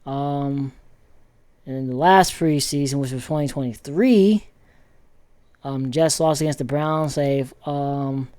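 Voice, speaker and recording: A man casually rambling through football commentary with many pauses and restarts. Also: medium pitch, darkish tone, clean tone, no echo. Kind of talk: casual sports commentary vlog.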